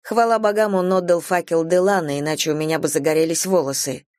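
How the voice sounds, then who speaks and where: A woman reading a novel aloud in the first person, her voice on the low side and her pacing measured. The recording is close and dry, with no room sound. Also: steady tone, a little mellow, dry recording. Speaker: audiobook narrator. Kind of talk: scripted narration.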